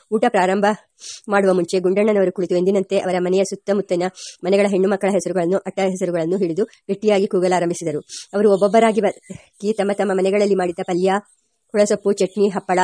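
A woman reading a memoir aloud as an audiobook, steady and unhurried, with small restarts. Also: medium pitch, no room sound, clean studio sound. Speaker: audiobook reader.

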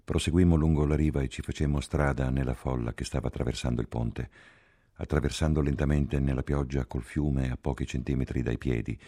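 A man narrates a literary novel in a steady, sober first-person voice. His tone sits very low with a gravelly, husky grain. The reading is measured and unhurried. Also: no echo, studio quality. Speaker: audiobook reader.

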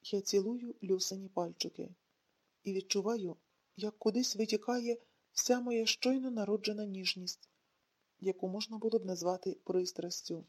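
A woman narrating a novel in the first person, in a calm, even reading voice. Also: mid-range voice, normal speed, slightly rough. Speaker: audiobook reader.

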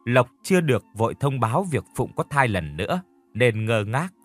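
Expressive male storyteller. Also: medium pitch, moderate pace. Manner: expressive, dramatic reading. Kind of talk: audio story narration. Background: faint music.

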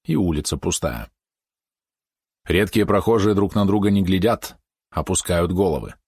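A man reading a historical story aloud in a steady storytelling manner. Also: low-pitched, moderate pace, slightly rough, no room sound, studio quality. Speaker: narrator. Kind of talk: audiobook narration.

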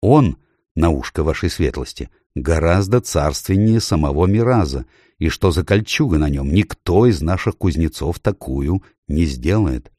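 A man reading an audiobook, voicing a calculating courtier lord who speaks smoothly and persuasively. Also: rumbling low, expressive, moderate pace, warm tone, no echo, clean studio sound. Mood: sly.

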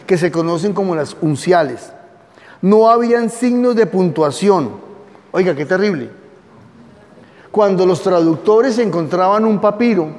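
Male Bible teacher, high voice, chatty lecturing style, long hall reverb; quizzes the room. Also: a little mellow. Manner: conversational, asks the audience questions; reads aloud from notes and comments. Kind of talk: classroom lecture.

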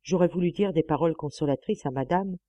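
A woman narrating a classic novel as an audiobook, with a measured, expressive reading on a close mic. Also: deep voice, no echo, highs cut off. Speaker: audiobook reader.

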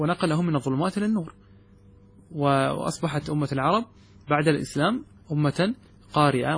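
A man teaching religious law, explaining a text step by step and often asking his students whether it is clear. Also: fairly high pitch. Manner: poses questions then answers them. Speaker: sheikh teaching Islamic jurisprudence. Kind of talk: classroom commentary on a text.

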